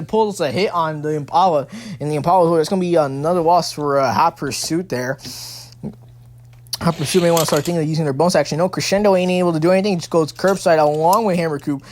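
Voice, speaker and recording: A race commentator giving excited play-by-play, breaking into sudden exclamations, often stumbling, restarting phrases and correcting calls. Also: slight background noise. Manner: excitable, bursts into high exclamations then settles.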